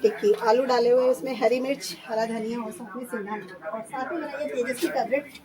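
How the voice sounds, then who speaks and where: A hoarse woman in her thirties chatting through a home vlog, describing her chores step by step. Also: fairly high pitch, fairly quick, crowd noise. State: hoarse, voice going. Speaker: vlogger. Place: at home, indoors.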